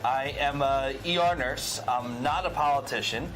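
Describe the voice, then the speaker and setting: A man's voice: medium pitch, moderate pace, poor audio. A man from Queens in his thirties, a political candidate answering TV interview questions earnestly, with many hesitant fillers. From New York, Queens.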